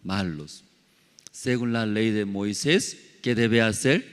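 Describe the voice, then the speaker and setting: A male pastor preaching a sermon in halting, non-native Spanish, throwing many questions at his congregation and padding his phrases with fillers. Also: fairly low pitch, clear, resonant tone. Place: church sanctuary. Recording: long hall reverb.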